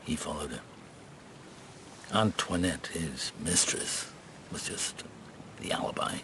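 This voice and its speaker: Avuncular police inspector, deep, measured and halting, radio drama, faint background noise. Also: male voice. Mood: grave, deliberate. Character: avuncular, world-weary middle-aged French police inspector on holiday.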